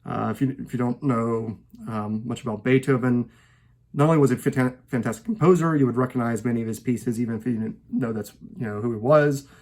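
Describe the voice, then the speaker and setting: A man speaking at an ordinary pitch talks casually about his favorite films from home. He rambles and hesitates, often restarting his sentences. His voice sits in a middle register. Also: steady tone, fairly quick, darkish tone. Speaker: host.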